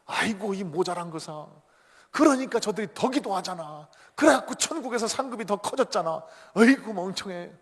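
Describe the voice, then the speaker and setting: A preacher doing a scornful chief devil. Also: male voice, high-pitched, lively intonation, moderate pace, slightly rough, voice pushed up, full character voice. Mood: exasperated. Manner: scornful, barking insults. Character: angry chief devil, scolding his minions. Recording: echoey church hall.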